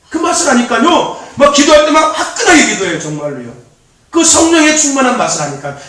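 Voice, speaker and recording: Youth pastor, male, animated sermon delivery, recorded far off in a very echoey church hall. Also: very high voice. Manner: animated, repetitive, laughing often. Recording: very echoey, distant mic.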